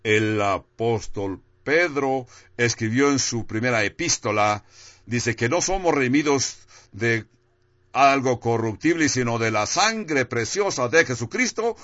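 A man preaching a sermon in a deliberate way, rising for emphasis and dropping low on key phrases. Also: fairly bright tone, dry recording, dull audio.

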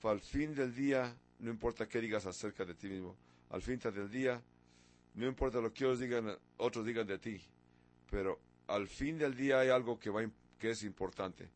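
A man's voice: medium pitch, moderate pace. A man in his sixties preaching a sermon, firing off rhetorical questions and pushing certain words with sudden emphasis. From from abroad, a country once ruled by an emperor. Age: 60s.

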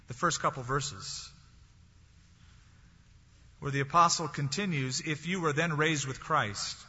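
A male pastor from California preaches conversationally, quoting scripture and sharing light anecdotes. His voice is fairly high and sharp with a breathy edge. The recording sounds dull and was made in a large, reverberant hall.

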